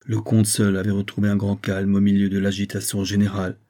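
A man reading a classic novel aloud as an audiobook in a steady, measured storytelling voice. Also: lowish voice. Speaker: narrator.

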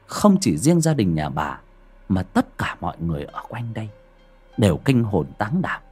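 A man's voice: on the low side, big pitch swings, normal speed, a little mellow, husky, soft background music. A man narrating a horror audiobook in a dramatic, suspenseful way. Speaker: storyteller.

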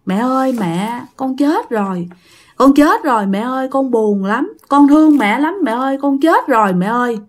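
A woman with a Southern Vietnamese accent voicing the vengeful ghost of a drowned young man, speaking through a villager in a told ghost story, shrill and accusing. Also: animated, normal speed. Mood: wailing.

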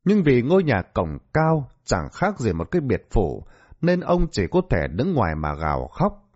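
A man narrating a dramatic scripted story in an expressive storytelling voice. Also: medium pitch, moderate pace. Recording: dull lo-fi audio.

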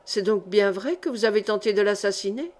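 A woman reading an audiobook, voicing a suspicious male nobleman who asks slow, probing questions. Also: medium pitch, a little mellow, natural voice.

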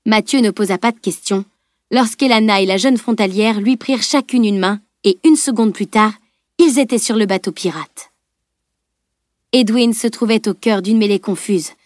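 A woman narrating a fantasy novel as an audiobook in a steady, clear reading voice. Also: on the high side, dry recording, clean studio sound. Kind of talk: scripted narration.

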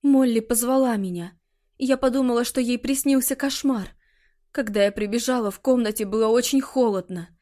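A woman's voice: on the high side, normal speed, warm tone, natural voice. A woman voicing a distraught mother with a trembling, sobbing voice. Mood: shaken. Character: distraught mother whose child is missing.

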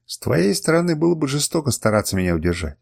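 Man playing a steady commanding warrior in an audiobook, restrained but lively in tone. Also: medium pitch, fast talker, gravelly, husky, full character voice. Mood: firm. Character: calm resolute male warrior. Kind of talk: audiobook reading.

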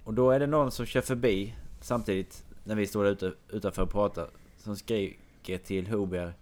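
Low-voiced man telling a rambling anecdote. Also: fairly even intonation, darkish tone. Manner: long meandering anecdote told to a listener. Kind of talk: casual chat.

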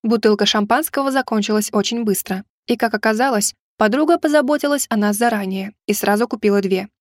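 A woman reads a first-person audiobook in an even, measured way. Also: mid-range voice, no echo, clean studio sound. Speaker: audiobook narrator.

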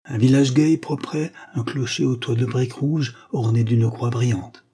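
A man narrating an audiobook in a dramatic, measured reading. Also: medium pitch, fairly even intonation, warm tone, husky.

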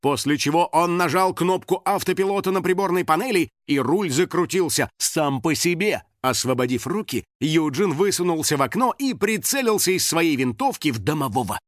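Animated man narrating a children's audiobook. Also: a little high, moderate pace, hardly any pauses, no room sound, studio quality. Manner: expressive, animated storytelling.

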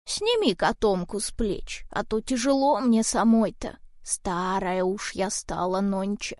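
A woman voicing an old witch who poses as a frail grandmother, speaking slowly and softly in a coaxing way, in an audiobook. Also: medium pitch, animated, no room sound, clean studio sound, lightly acted. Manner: slow, soft, coaxing, hushed. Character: sinister old witch posing as a frail granny. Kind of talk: audiobook character voice.

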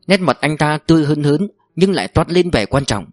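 A man narrating an audiobook in a steady, measured reading voice. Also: fairly high pitch, no echo.

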